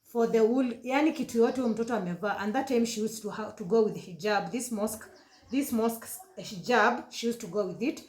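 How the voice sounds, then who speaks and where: A woman in her thirties with a Kenyan accent, telling an emotional personal story on her vlog, halting and correcting herself as she goes, slipping into Swahili. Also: on the high side, darkish tone. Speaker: vlogger. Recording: roomy echoey room.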